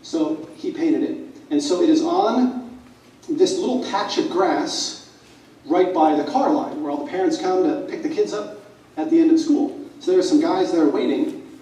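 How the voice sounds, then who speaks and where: A man gives a conference talk, telling stories and acting out who said what. His voice is a touch high and very mellow. It is picked up from far away in a very echoey hall. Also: moderate pace. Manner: animated storyteller, acting out quoted dialogue. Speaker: conference organizer and speaker.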